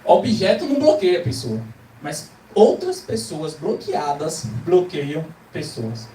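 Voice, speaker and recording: Emphatic Brazilian preacher in an echoey hall. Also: male voice, on the high side, sing-song, takes it slowly, dark tone, a little hiss or hum. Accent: Brazilian Portuguese. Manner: emphatic, rhetorical questions, acts out quoted voices. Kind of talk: motivational sermon to a live audience. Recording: echoey hall, distant mic, faint ambience.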